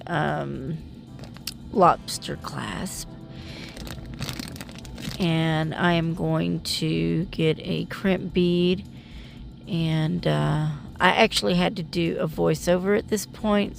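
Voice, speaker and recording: A woman vlogger narrates her beading in a casual voiceover, rambling and poking fun at herself. Her low voice carries vocal fry, and her nose sounds stuffy and sniffly.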